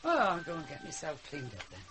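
A woman's voice: low voice, wildly swooping pitch, fast talker, fairly bright tone, soft background music, full character voice. An actress playing a blunt, teasing old grandmother with an earthy, bossy way of talking, in a radio drama. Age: older. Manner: tart, earthy, bossy banter. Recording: noisy radio drama recording.

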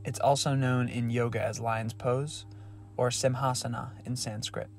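A man giving guided breathing instruction in a calm, measured, step-by-step manner. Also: medium pitch, vocal fry. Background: music with singing bowls.

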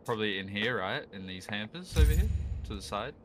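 A man's voice: lowish voice, animated, brisk. A man playing a co-op game with friends, curious and joking, asking lots of questions. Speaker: co-op gaming friend. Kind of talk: casual multiplayer gaming chat. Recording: background noise on voice chat.

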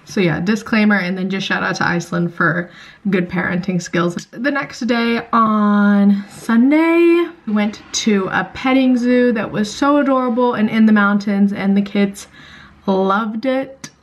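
A woman's voice: medium pitch, a little slow, dull audio. A young woman working as an au pair, chatting casually to her phone camera and cooing at children in a raised, bubbly voice. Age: young adult. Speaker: au pair vlogger. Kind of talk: casual vlog chat. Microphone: handheld phone. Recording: noisy phone recording.

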